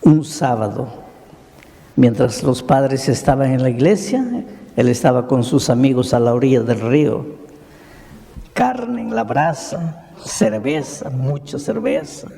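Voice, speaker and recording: A man preaching a sermon as a pastor, telling a story slowly and dramatically with repeated lists and rhetorical questions. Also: mid-range voice, lively intonation, creaky, mellow, big-room sound.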